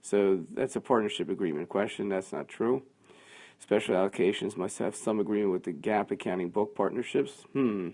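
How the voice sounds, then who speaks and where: A man teaching a class, working through quiz answers out loud in a conversational way. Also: on the low side, normal speed. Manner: thinking aloud, conversational, with fillers.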